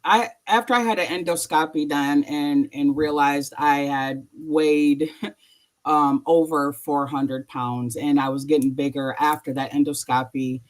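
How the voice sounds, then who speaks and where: Woman, interview guest, halting emotional testimony, nervous laughs. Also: sits low, steady tone.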